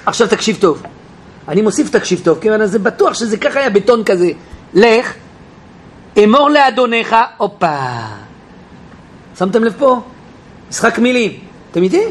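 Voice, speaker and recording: A man teaching a Bible class in an animated way, questioning his listeners and acting out quotes. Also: high voice. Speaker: Torah teacher. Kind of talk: lively Bible class lecture.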